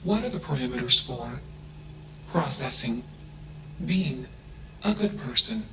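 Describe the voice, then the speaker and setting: A man voicing an emotionless, coldly logical male AI machine in a video game. He speaks flatly and announces each thought with a one-word label. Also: mid-range voice, unhurried, slight background noise, low-quality recording.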